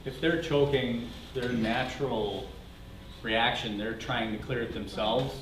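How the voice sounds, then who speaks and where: A man's voice: medium pitch, fairly even intonation, measured pace, fairly bright tone. A man presenting to a class, giving informal instruction. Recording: echoey room, distant mic, clear noise.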